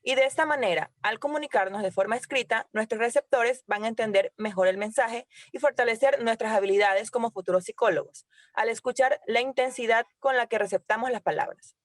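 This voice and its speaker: A young woman, a student, reading a class presentation in a steady, formal way. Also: a little high, a little fast, few pauses, no room sound, studio quality.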